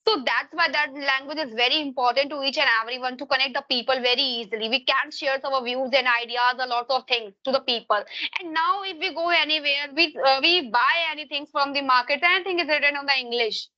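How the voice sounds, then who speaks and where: In dull audio, a high, bright and forceful female voice comes through at a fairly quick pace. The speaker, a Hindi-speaking English teacher from Uttar Pradesh with an Indian accent, chats casually on a video call, searching through long answers with frequent grammatical slips.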